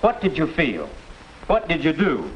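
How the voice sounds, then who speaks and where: An actor playing a patient, middle-aged male teacher, explaining calmly in a 1950s educational film. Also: a little high. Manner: calm, measured explaining. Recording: muffled old film soundtrack with hiss.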